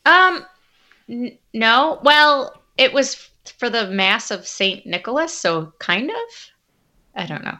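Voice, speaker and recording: A woman in her thirties with a bright, forward voice, chatting casually as a podcast co-host. She giggles often and fills her talk with ums and likes. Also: on the high side, animated, slow. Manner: giggly, chatty, lots of fillers. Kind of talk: casual chat.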